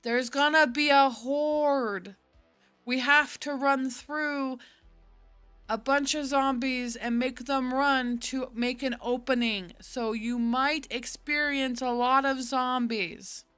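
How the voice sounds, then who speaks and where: A woman's voice: on the high side, slow, sharp tone, clean tone, no echo, faint music behind. A woman doing a man on a crackly radio. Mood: urgent warning. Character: chatty radio man guiding survivors.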